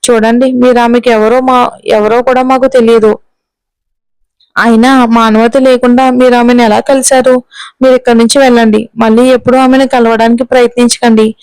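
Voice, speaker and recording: Woman doing a brusque annoyed nurse, fast clipped delivery, flat high voice, audio story. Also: clean tone, dry recording, close to an everyday voice, rough recording. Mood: irritated. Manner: curt, brisk and annoyed. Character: irritated hospital nurse.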